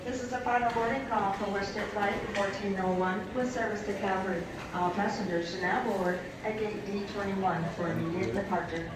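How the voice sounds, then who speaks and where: A woman making a formal boarding announcement over an airport PA system, measured and even. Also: medium pitch. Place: busy airport terminal. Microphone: phone or camera far from the loudspeaker. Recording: echoey PA from far off, noisy terminal.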